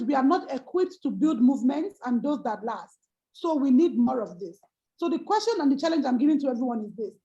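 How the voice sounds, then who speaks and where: A woman's voice: high voice, dark tone, dull audio. A woman speaking on a panel, making a rousing case with many rhetorical questions, heard over a video call. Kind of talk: impassioned speech.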